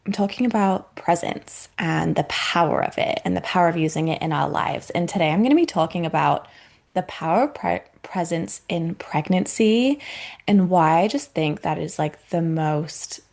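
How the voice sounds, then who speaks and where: A woman's voice: fairly low pitch, animated, normal speed, creaky, darkish tone. A woman in her thirties hosting a podcast, talking in a chatty, reflective way with lots of fillers. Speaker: podcast host. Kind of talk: casual solo podcast talk.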